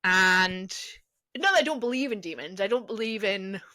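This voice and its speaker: A woman's voice: mid-range voice, expressive, normal speed, bright, forceful tone, dry recording. A young adult woman co-hosting a casual podcast chat. She tells stories and swears freely. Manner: chatty storyteller, swears freely. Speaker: podcast co-host.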